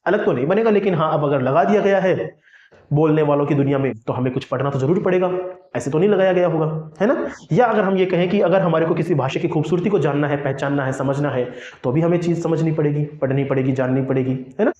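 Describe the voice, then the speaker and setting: A man's voice: on the high side, fast talker, a little mellow. A man with a Hindi accent teaching an English lesson, who asks questions and answers them himself. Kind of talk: classroom lesson. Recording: echoey, dull lo-fi room sound.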